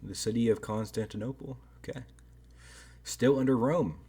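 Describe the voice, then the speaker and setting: A man's voice: mid-range voice, moderate pace, darkish tone, breathy edge. A man giving casual, rambling video commentary on a strategy game, hedging often and tagging thoughts with "right?".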